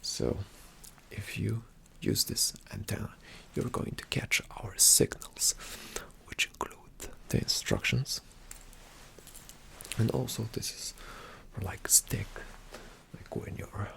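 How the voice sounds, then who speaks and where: A calm, attentive male spy agent briefs his partner in this whispered ASMR roleplay. The man's voice is low-leaning, soft and breathy with slight creakiness, and his instructions are hushed and deliberate.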